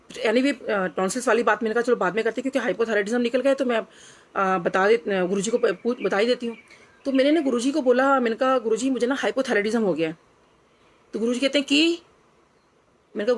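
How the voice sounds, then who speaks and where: A middle-aged woman, earnestly sharing a personal devotional story and slipping English phrases into her speech. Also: a little high. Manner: earnest, reflective, drops into quoted dialogue, mixes in English phrases.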